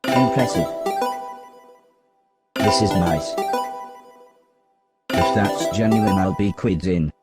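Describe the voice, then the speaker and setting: A man's voice: deep voice, slow pace, long pauses, over loud music. A man voicing a shady, greedy old male dealer in a video game, muttering and gloating like a leering old lecher. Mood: gloating, appreciative. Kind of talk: video game character barks.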